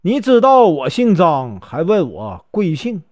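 A man with a Northeastern Chinese accent voicing a proud, quick-tempered Taoist priest who speaks with indignant threats. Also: high-pitched, huge pitch swings, no echo, clean studio sound, exaggerated voice.

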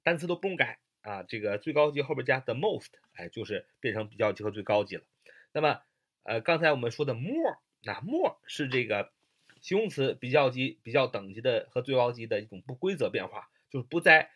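Male English teacher, bright husky tone, lively delivery, spells out words and hesitates often. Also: mid-range voice, a little fast. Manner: spells words letter by letter, many fillers. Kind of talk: explaining grammar lesson.

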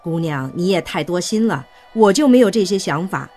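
A man's voice: sits high, lively intonation, normal speed, darkish tone, pitched above the performer's own voice. A kindly, doting older aunt, voiced by a man in a children's story reading. Her voice is raised and lilting, and she speaks in a soothing way. Faint music plays underneath.

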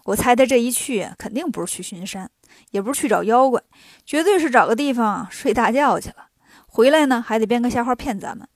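A woman voicing a clever, mischievous male monkey king who talks briskly and teasingly, for a children's story. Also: on the high side, lively intonation, no room sound, clean studio sound. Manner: brisk, teasing, quick-witted.

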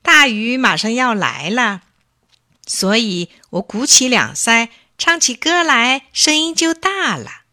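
A cheerful frog who talks like a big brother speaks loudly and with pride, his voice pitched up, as a woman puts him on. It is a children's storybook reading with a bright tone. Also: big pitch swings, slow pace, dry recording, studio quality, exaggerated voice. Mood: proud.

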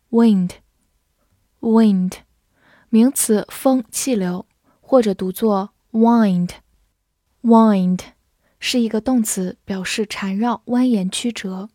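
A woman English teacher narrating a vocabulary lesson, slowly repeating each word twice before giving its meaning. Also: medium pitch, dark tone, no room sound, clean studio sound. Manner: slow, drawn-out word repetition.

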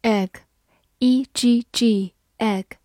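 Woman vocabulary teacher, unhurried delivery, dry close sound. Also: a little high, steady tone, a little mellow, dry recording. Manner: spells words letter by letter and reads example sentences slowly. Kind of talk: scripted vocabulary lesson.

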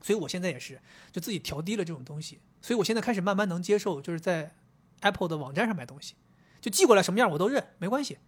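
On a casual chat podcast, a male co-host with a high, slightly rough voice tells stories at rapid-fire speed. He's an animated storyteller, acting out both sides of each conversation.

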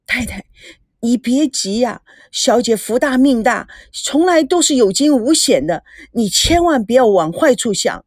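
A woman's voice: on the high side, animated, unhurried, no room sound. A woman voicing a timid, loyal household maid who stammers and pleads, in a dry close recording. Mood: soothing.

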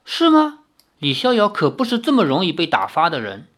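Novel reader, storytelling narration, expressive, animated pitch. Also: fast talker. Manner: expressive, shifting voices for dialogue.

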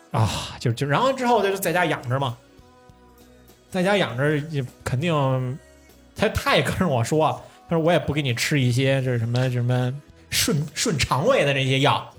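Young male podcast host, lively swooping delivery, casual and profane. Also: medium pitch, husky. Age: young adult. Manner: animated storyteller, swears, laughs often. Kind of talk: casual chat.

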